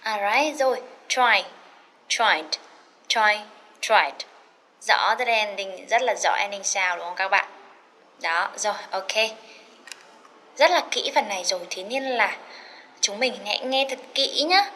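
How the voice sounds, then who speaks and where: A woman teaching an English lesson, chatty and encouraging, slowly repeating words to drill their pronunciation and mixing in English phrases. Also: medium pitch, expressive, bright, forceful tone, slight background noise. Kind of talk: recorded classroom lesson.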